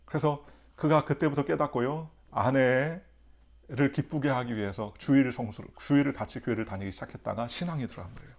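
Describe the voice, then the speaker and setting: Gravelly-voiced male pastor preaching. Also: medium pitch, a little fast. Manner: rhetorical questions, storytelling, emphatic. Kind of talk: sermon at a dawn service. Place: church.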